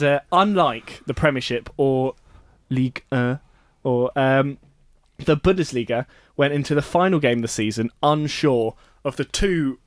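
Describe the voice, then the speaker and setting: A man's voice: medium pitch, dry recording. A man hosting a student sports radio show, chatting casually, laughing often and correcting himself as he goes.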